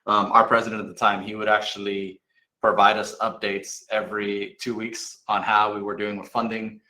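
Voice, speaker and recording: A man hosting a panel discussion over a video call, relaxed and conversational, with some ums. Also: on the low side, moderate pace, echoey room, rough recording. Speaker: panel host and moderator. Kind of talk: casual panel moderation.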